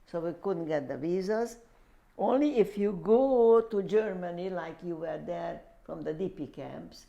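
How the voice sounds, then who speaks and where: Older woman with a low, gravelly voice. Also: dark tone, muffled recording. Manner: halting, repeats words. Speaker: interviewee. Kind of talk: oral history interview.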